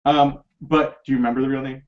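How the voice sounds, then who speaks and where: A man's voice: medium pitch, flat delivery, fast talker. A man hosting a casual film discussion podcast, rambling with lots of fillers and restarts and laughing often. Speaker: podcast host. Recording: dull lo-fi podcast recording.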